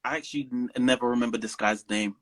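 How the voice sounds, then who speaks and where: A man being interviewed as a guest preacher, talking in a playful, animated way and laughing easily. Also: mid-range voice, fast. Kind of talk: casual interview.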